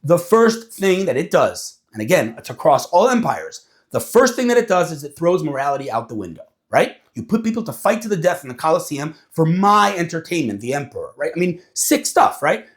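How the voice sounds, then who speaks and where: Man, casual talk, animated and lively, slightly higher voice. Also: a little fast, few pauses. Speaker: speaker.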